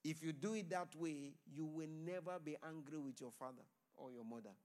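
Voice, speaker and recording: A man preaching a sermon in a pleading, call-and-response way, pausing for the congregation to answer. His voice sits slightly higher than most men's. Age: adult. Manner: loud declaring blessings.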